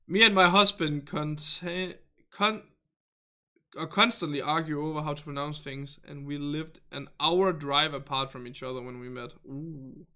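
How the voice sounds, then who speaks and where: A Danish-accented man hosts a casual game stream, chatting loosely with his viewers, often hunting for the right English word and laughing along the way. His voice sits a little high with a sharp, bright edge. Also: fairly even intonation, measured pace. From northern Denmark. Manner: chatty and rambling, laughs often, searches for words. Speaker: livestream host reading viewer chat. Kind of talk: casual livestream chat.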